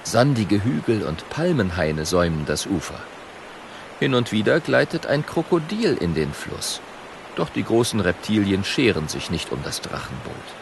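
A man narrates a children's audiobook with expressive storytelling, his pitch moving lively up and down. A gravelly edge runs through his voice. Faint noise sits under the recording. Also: moderate pace.

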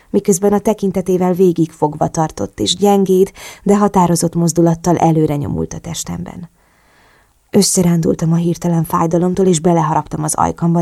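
A woman narrates a romance novel in the first person, slow and intimate. Her voice sits low with a gravelly edge and a dark, mellow tone. The recording is dry and close. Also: no echo. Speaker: audiobook narrator.

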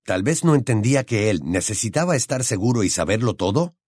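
A man narrating an audiobook in a steady, expressive storytelling manner. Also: on the low side, fairly quick, husky, dry recording, clean studio sound.

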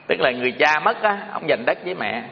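A man delivers a homespun moral talk to an audience, circling back on his words with plenty of fillers. His voice sits a little high for a man. The recording is dull and lo-fi, with a long reverb hanging around him. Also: expressive, quick pace, gravelly, a little hiss or hum. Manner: homespun, repetitive, full of fillers. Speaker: speaker addressing an audience. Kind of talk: moral talk with folksy storytelling. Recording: dull lo-fi sound in a reverberant hall.

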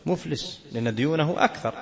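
A man's voice: on the high side, quick pace, gravelly. A man teaching Islamic jurisprudence, reading a text and explaining it, often asking a question and answering it himself. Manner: questions and answers himself, laughs now and then.

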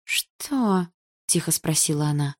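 A woman reading a first-person novel aloud in an even, measured storytelling manner. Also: low-pitched. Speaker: audiobook narrator.

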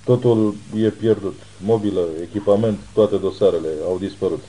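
A man reading the lines of a private detective who speaks in a measured, reassuring way. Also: lowish voice, fairly even intonation, warm tone, natural voice, low-quality recording. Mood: grave.

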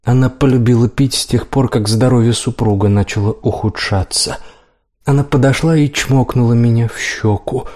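A man reading a first-person audiobook in a steady, even manner. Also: mid-range voice, moderate pace. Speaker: audiobook narrator.

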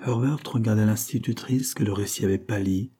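Husky, dark-voiced male narrator. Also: on the low side, fairly quick. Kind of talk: audiobook reading of a classic novel.

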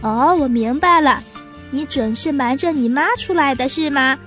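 A woman voicing a busy, kindly grown female magpie in a storybook reading, brisk and warmly teasing. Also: high voice, soft background music.

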